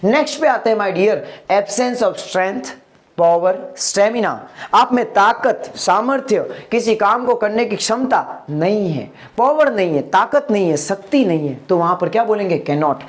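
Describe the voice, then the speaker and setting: A male English teacher explaining a lesson, asking rhetorical questions, checking on his listeners, and slowing down to spell out example sentences. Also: high-pitched, lively intonation. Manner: rhetorical questions, calls listeners "my dear", checks "are you getting?".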